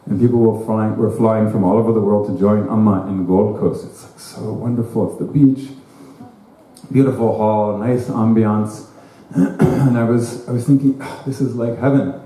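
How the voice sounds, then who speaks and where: A man's voice: on the low side, mellow, roomy sound, poor audio. A man giving an informal spiritual talk at an ashram, chatting and joking as he tells stories. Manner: conversational, joking, tells anecdotes with acted quotes. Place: ashram hall.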